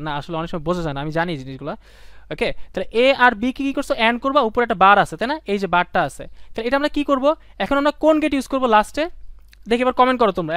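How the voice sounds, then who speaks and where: A man's voice: sits high, a bit bright, clean tone, dry recording, clean studio sound. A young man teaching a live online class, talking students through each step, repeating himself and asking rhetorical questions.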